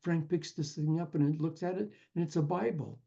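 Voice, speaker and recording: An earnest man giving an uplifting talk and weaving in a parable. His voice sits a bit high, yet sounds very dark and mellow with a husky grain. The recording is dull and lo-fi. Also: steady tone, brisk. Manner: earnest, storytelling, addresses listener as friend. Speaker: spiritual speaker.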